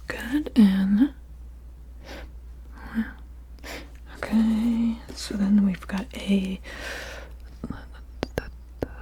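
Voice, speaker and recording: A woman in a whispered role-play, mumbling to herself in a breathy whisper with soft murmurs, hums and half-finished phrases that trail off. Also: medium pitch, a little hiss or hum. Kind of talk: whispered ASMR role-play of studying the listener and taking notes.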